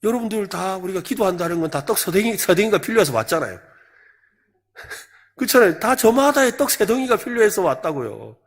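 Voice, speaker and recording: A male pastor with a Gyeongsang Korean accent delivers a sermon, his fairly high voice swinging up and down with lively expression. He keeps pressing the congregation with questions and makes them answer back. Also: fairly quick. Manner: animated, quizzes the congregation with repeated questions. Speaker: senior pastor. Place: church service.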